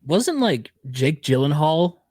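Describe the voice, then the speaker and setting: A man's voice: a little high, big pitch swings, takes it slowly, a little mellow, no room sound. A young man co-hosting a podcast, joking and swearing in offhand casual chat. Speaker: podcast co-host.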